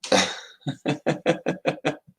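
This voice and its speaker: With soft music in the background, an American livestream host reads his chat aloud, rambling, chuckling and talking to viewers by name in a casual way. He draws out his words, and his tone is fairly bright.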